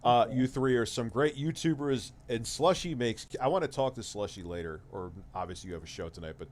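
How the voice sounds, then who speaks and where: A man in his forties chats on a livestream in a loose, crude way, swearing freely. His pitch sits in the middle range for a man. He reads out viewer messages and goes off on animated rants. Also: a little fast, a little hiss or hum. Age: 40s. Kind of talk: casual crude chat.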